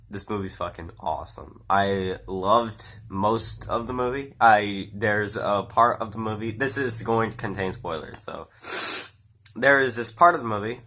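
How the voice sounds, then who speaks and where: This film review comes from a man whose stuffy, cold-blocked nose colors his lowish voice, which has a bright, forceful tone. As a movie reviewer, he talks loosely and meanders, using fillers and an odd swear.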